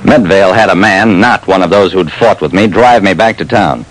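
A low-voiced actor speaking at normal speed in a natural voice plays a tough private detective narrating his case. His hard-boiled delivery is clipped and terse in 1940s radio drama style, heard on a noisy old recording.

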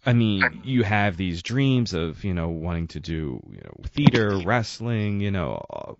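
A man's voice: sits low, very animated, measured pace, creaky, dry recording, dull audio. A man hosting an interview, asking long, rambling questions full of "you know". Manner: rambling, searching for words with many "you know"s. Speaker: podcast host.

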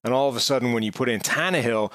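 A man's voice: medium pitch, very fast, a bit bright, dry recording. A man giving conversational sports commentary, reasoning his way through an argument step by step in a discursive way. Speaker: sports podcast analyst.

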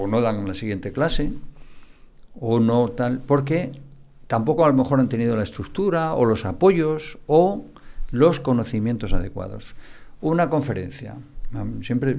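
Older gravelly psychiatrist explaining. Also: male voice, medium pitch, darkish tone. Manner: didactic, repeats key words for emphasis. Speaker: psychiatrist guest. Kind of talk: explanatory podcast interview.

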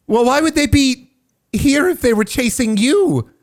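A man's voice: very high voice, animated, measured pace. A man running a tabletop game as game master, voicing people and narrating.

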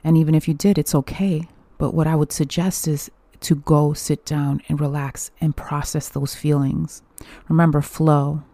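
A woman's voice: low voice, level tone, normal speed, dark tone, dry recording. Chatty, candid young woman. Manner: candid and chatty, swears freely, laughs often. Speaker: podcast host. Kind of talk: casual solo podcast monologue.

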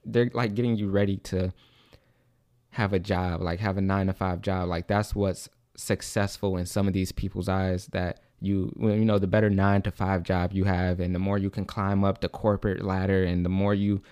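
Breathless young man, low and dark. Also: little pitch movement, normal speed, clear, resonant tone, dry recording, clean studio sound. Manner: rambling, repeats and restarts, says "like" and "low-key". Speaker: podcast host. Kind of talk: casual solo podcast monologue.

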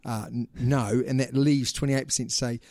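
Man, New Zealand accent, mid-pitched, casual sports chat, teasing, slangy, dry sound. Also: fairly even intonation, moderate pace, a little mellow, no room sound. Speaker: sports podcast host.

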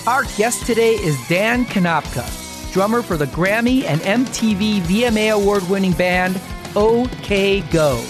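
A middle-aged American man hosts a podcast, telling stories in a conversational, wry, self-deprecating style. His voice sits high and he speaks at a measured pace, with music playing in the background.

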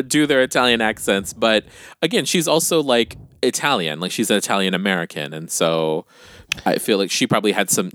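A man's voice: on the low side, fairly bright tone, no room sound. A man co-hosting a casual chat, a chatty storyteller who laughs and swears freely.

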